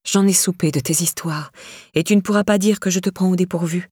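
A woman's voice: lowish voice, fairly even intonation, brisk, a little mellow, breathy edge, dry recording, studio quality. A woman voicing a stern female laundry boss who scolds in a curt, exasperated way.

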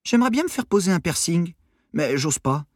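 A man's voice: fairly high pitch, very animated, fairly quick, no echo, clean studio sound, voice pushed up. A man doing a teasing sarcastic young woman.

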